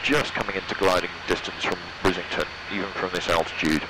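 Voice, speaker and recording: A young British student pilot mutters short flight checks to himself over an aviation headset in a small, open-sided microlight cockpit mid-flight. His voice is deep, steady, and a little fast, with loud engine noise filling the headset audio.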